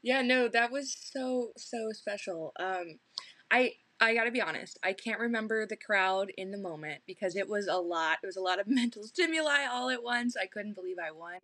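A woman's voice: mid-range voice, normal speed, bright, forceful tone, no room sound. A young adult woman, a pageant titleholder, chatting earnestly as a podcast guest, full of little fillers. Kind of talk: casual podcast chat.

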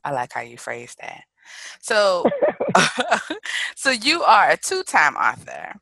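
Bright, lowish-voiced woman hosting a podcast. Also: huge pitch swings, slow, gravelly, dry recording. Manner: enthusiastic. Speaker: podcast host. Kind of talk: chatty interview.

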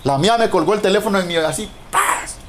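A middle-aged male pastor preaching a sermon, emphatic and drawing out key words slowly. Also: sits high, expressive, noisy background.

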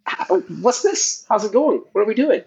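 A man co-hosting a podcast over a laggy video call, his voice glitching with jumping pitch through a built-in tablet mic. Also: expressive, normal speed, creaky, a little mellow, slightly rough, dull audio. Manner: rambling, pitching silly ideas. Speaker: podcast co-host. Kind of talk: casual comedic chat.

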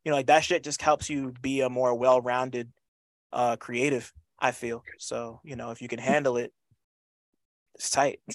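Man in a casual interview, medium pitch, stumbles and repeats himself, slangy and sweary, very dry recording. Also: level tone, dry recording. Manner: halting, repeats words, frequent "you know". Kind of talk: casual conversational interview talk.

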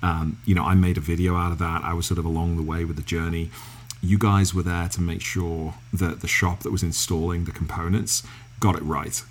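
An English man with a halting, filler-heavy way of talking, interviewing a guest in casual conversation. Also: low-pitched, flat delivery, husky. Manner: halting, lots of restarts and fillers.

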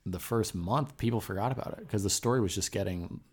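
A man's voice: on the low side, quick pace, breathy edge. A young man co-hosting a podcast, telling a story with enthusiasm in casual chat. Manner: enthusiastic storyteller, acts out quotes loudly. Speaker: podcast co-host.

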